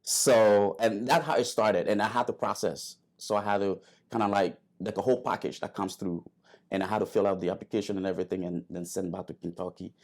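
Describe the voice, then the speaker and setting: A man's voice: lowish voice, fairly even intonation, brisk. A man, a guest telling his story in an interview, hesitant with many fillers and restarts. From Liberia. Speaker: guest, airman.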